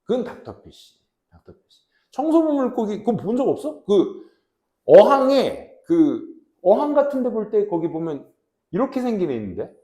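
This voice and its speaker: A man in his forties teaching a high school English class in a casual, joking way, reading English slowly and translating it. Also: huge pitch swings, warm tone, reverberant. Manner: chatty, jokes with students, asks them questions; reads English slowly, then translates into Korean.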